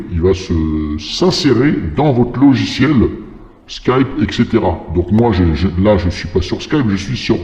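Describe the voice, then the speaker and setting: A man presenting a casual software tutorial in a rambling way, his voice processed by a demon voice-changer filter. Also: lowish voice. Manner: rambling, informal explanations. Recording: muffled, reverberant processed screen recording.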